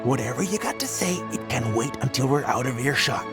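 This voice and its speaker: An actor playing a sleazy, bullying tabloid editor who mocks and threatens a young reporter, in game audio with music behind. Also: male voice, medium pitch, animated, a little fast, close to an everyday voice. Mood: sneering. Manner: sneering, bullying, mocking. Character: sleazy scheming male tabloid editor, middle-aged. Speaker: game character. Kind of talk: video game voice acting.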